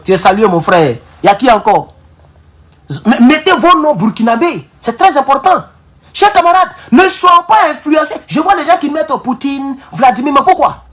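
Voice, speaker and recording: A man's voice: high voice, a bit bright, husky. A man with an African French accent hosting a live-streamed political talk. He speaks fervently and emphatically, repeats phrases and restarts words, and keeps addressing his viewers as comrades. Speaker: political livestream host.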